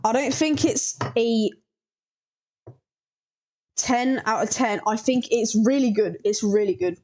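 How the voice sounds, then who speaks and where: A woman hosting a reaction video, talking in a slangy, halting way as she thinks aloud and gives ratings. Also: on the high side, warm tone. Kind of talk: casual reaction commentary.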